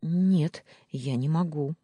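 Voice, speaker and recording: An audiobook reader voicing a troubled young woman who speaks quietly and sadly. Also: mid-range voice, slow pace, slightly rough, no room sound, voice pushed up. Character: troubled young woman, first-person heroine. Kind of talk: audiobook character reading.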